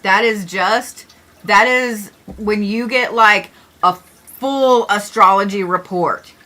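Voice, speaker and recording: Bright-voiced chatty woman host. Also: medium pitch, slow pace. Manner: chatty, joking, swears casually, talks to viewers. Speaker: astrology livestream host. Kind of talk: casual livestream chat.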